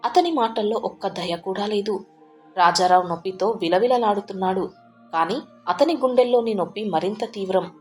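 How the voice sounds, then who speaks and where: A woman tells a sad family story in a measured, heartfelt way. Her voice sits at an ordinary middle pitch for a woman. Soft music plays faintly under her narration. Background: soft background music.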